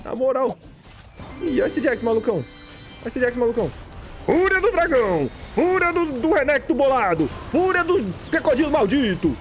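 Hyped brazilian streamer guy yelling callouts over his game, voice jumping all over, faint game music behind. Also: very high-pitched, sing-song, moderate pace. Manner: hyped, jokey, shouts and repeats callouts. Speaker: gaming streamer. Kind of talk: excited gameplay commentary.

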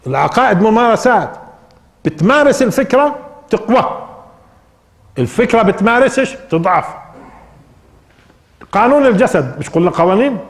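A man's voice: a little high, long reverb tail. An older man with a Levantine Arabic accent teaching a spoken Quran interpretation lesson, asking rhetorical questions and repeating key phrases for emphasis. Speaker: Islamic preacher and teacher.

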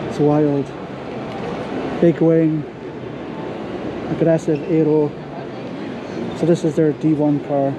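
A man's voice: fairly high pitch, flat delivery, slow, pauses often. A man vlogging a car show walkaround, pointing out details in short clipped remarks as he moves through a busy exhibition hall. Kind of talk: walkaround commentary. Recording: loud show-floor background noise.

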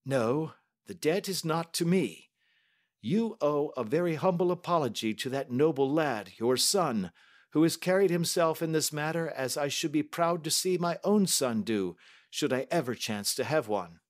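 A man reading a cool, self-assured detective who speaks in steady, measured sentences and keeps a stern, authoritative tone. The voice sits a little high for a man. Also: close to an everyday voice. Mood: composed.

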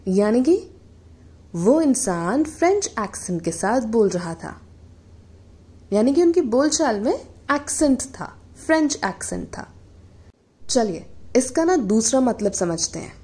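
Slow, mellow-voiced woman teaching English. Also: fairly high pitch, big pitch swings. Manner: slow, deliberate explanations mixing Hindi and English. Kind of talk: scripted vocabulary lesson.

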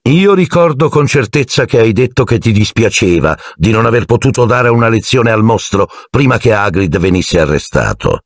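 A man voicing a cold, sardonic male wizard teacher who speaks slowly and sneeringly. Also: lowish voice, very animated, no room sound, clean studio sound, voice pushed up.

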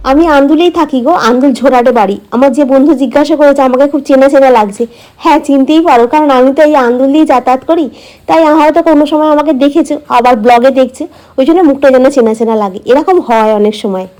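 Quick-talking woman vlogger, dark-toned. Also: high-pitched. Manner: chatty, explaining daily routine to viewers. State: slight cold, throat a bit hoarse. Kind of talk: casual chat to viewers.

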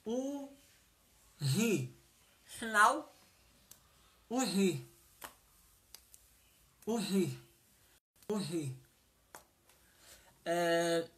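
A woman's voice: mid-range voice, very animated, very slow, pauses often, pushed and bright. A woman teaching sign language vocabulary, saying each word and repeating it, often checking whether the class has understood.

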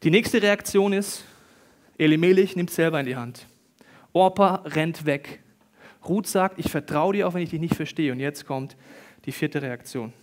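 A man preaching as a pastor, telling stories with lively swings between loud bursts and quiet, acting out the voices he quotes. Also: fairly high pitch, normal speed. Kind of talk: sermon.

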